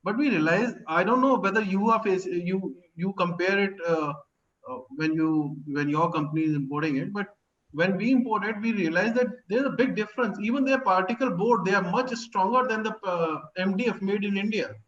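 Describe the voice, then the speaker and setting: Hesitant high-voiced man on a call. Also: a little fast, fairly bright tone. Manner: hesitant, many fillers. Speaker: meeting participant. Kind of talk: online business meeting. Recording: dull lo-fi call audio.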